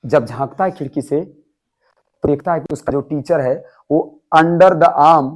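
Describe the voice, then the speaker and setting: A man's voice: a little high, rough recording. A young man teaching a class, explaining an English story and asking students again and again if they follow. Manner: animated, quizzes students with repeated questions.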